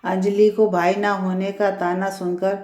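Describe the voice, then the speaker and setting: A woman hosting a story channel and narrating a family tale in a gentle storytelling manner. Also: mid-range voice, level tone, measured pace, reverberant.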